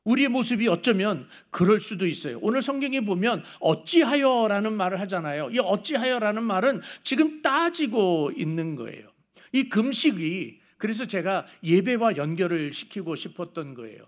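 A man's voice: high voice, big pitch swings, moderate pace. A middle-aged male pastor giving a sermon in a conversational way, telling anecdotes and asking the congregation rhetorical questions.

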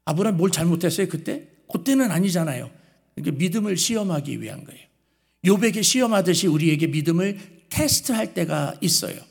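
Guy pastor preaching, high voice, acts out the quotes, long hall reverb. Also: creaky, husky. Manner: asks the congregation questions and answers them himself. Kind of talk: sermon.

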